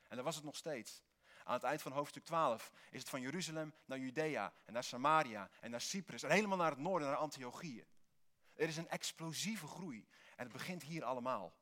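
A man preaching a sermon in Dutch, earnest, with bursts of lively emphasis. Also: a little high. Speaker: pastor.

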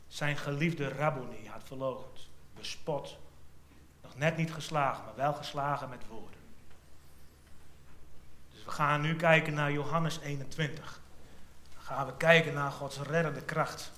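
A man preaching a sermon, retelling a Bible passage in a storytelling way, his voice dropping to a hush and then lifting again. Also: fairly high pitch, a little hiss or hum. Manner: storytelling, drops to a hush then lifts for quoted lines. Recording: echoey room sound.

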